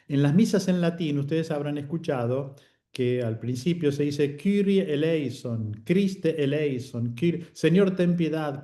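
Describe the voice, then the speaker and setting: A man's voice: on the high side, mellow. A man teaching a Bible course, explaining patiently and often checking in with short tag questions.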